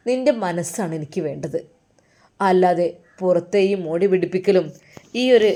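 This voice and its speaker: Woman voicing a gentle young husband, soft, reassuring. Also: fairly low pitch, close to an everyday voice.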